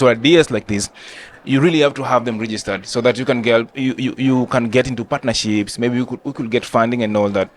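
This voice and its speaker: Encouraging Kenyan man moderating a panel. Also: mid-range voice. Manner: encouraging, frequent short affirmations. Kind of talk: panel interview. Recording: faint ambient background noise.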